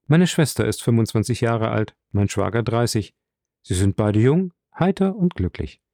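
A man's voice: medium pitch, expressive, normal speed, dark tone, no echo, clean studio sound, natural voice. A man reading the part of a sincere, earnest young officer in a plain way in an audiobook.

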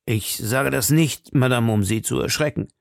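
A man's voice: medium pitch, moderate pace, creaky, dry recording, studio quality, lightly acted. A man reading an audiobook, voicing a fatalistic, lovesick duke with earnest devotion.

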